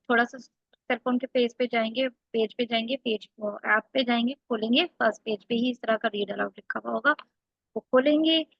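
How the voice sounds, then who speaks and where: A woman's voice: fairly high pitch, no room sound, muffled recording. A woman tutoring one student for a spoken English test, correcting mistakes and explaining step by step. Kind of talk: one-on-one online lesson.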